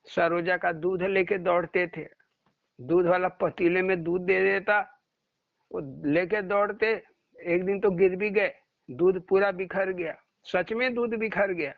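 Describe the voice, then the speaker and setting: A man's voice: sits high, fairly even intonation, slow pace, creaky, dry recording. A man giving a devotional satsang talk, telling stories and acting out the dialogue in them. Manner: storytelling, acting out quoted dialogue. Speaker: spiritual teacher. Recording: muffled lo-fi recording.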